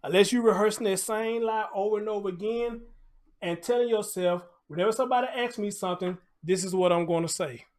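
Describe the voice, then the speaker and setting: A high-pitched American man speaks a little fast as he hosts a relaxed live commentary show. Conversational throughout, he slips in preacher-like asides, repeats phrases and poses rhetorical questions.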